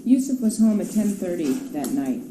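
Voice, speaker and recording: An interrogator with a mid-range voice puts pointed questions formally and insistently, repeating them. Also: female voice, mid-range voice, big pitch swings, moderate pace. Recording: echoey, noisy archival interrogation recording.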